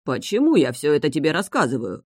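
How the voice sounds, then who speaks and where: Brief: reader playing a vengeful sea king, slow, growling, dry close sound. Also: on the high side, wildly swooping pitch, no room sound, heavily acted. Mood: scheming. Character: furious grieving male sea king, vengeful.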